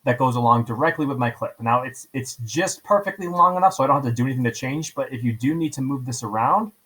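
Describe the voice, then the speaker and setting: Recording his screen, a teacher talks through a software tutorial one step at a time in an informal way, repeating himself and regularly tossing in "right?" His mid-range voice is fast, bright, and forceful, with a breathy edge.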